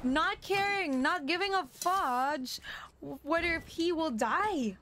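Brief: young woman co-caster, high voice, unhurried, excitable, faint background noise. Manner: excitable, gasping reactions. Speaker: esports co-caster. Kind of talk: casual esports commentary.

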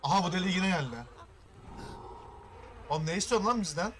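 A young man giving casual reaction commentary, with loud startled exclamations and constant swearing. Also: sits high, brisk. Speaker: reaction video creator.

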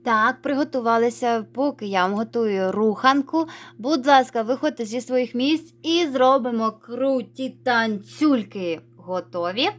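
A woman teacher giving a recorded reading lesson to young children, praising them and slowly drawing out words as she models reading. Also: fairly high pitch. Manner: encouraging, sing-song, stretches words slowly when modelling reading. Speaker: primary school teacher.

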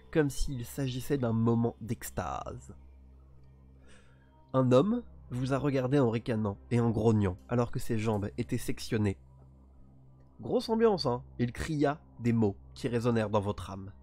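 A man at mid pitch reads grim tabletop horror narration in a steady storytelling voice, then slips into casual, teasing commentary. His asides sound playful and self-defensive, as if joking with viewers in a chat. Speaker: solo tabletop game player and streamer.

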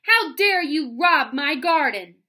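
A woman's voice: fairly high pitch, expressive, measured pace, bright, forceful tone. A woman voicing a cold, wrathful enchantress with an imperious, shrieking delivery in a storybook reading. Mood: furious.

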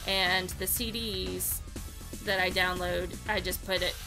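A young American woman with a lowish, fairly flat voice talks slowly over music. She's an amateur fandubber hosting a casual, rambling, unscripted tutorial from a cluttered room at home.

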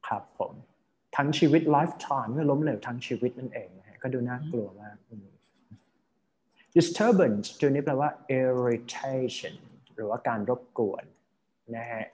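A man's voice: medium pitch, a little slow, darkish tone, slight background noise. A man teaching an English vocabulary lesson, explaining word by word and often checking that his students follow.

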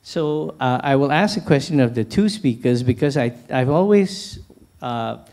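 A middle-aged man from Malaysia moderating a panel on stage in a large hall, speaking into a handheld mic in a measured, anecdotal way with frequent restarts. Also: medium pitch, lively intonation, a little mellow. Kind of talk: panel discussion, posing questions. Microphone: handheld microphone.

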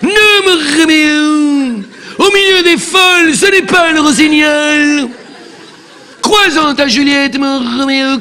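A man's voice: extremely high pitch, sharp tone, voice pushed up, exaggerated voice. A man voicing an old grandmother who plays a melodramatic young Juliet, declaiming in an overwrought way.

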